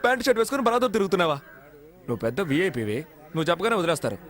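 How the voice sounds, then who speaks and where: An actor playing a cheeky young man in jail who talks back fast, in a dubbed film with music underneath. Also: high voice, big pitch swings, a bit bright. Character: cheeky young jailed man, sulky and scheming.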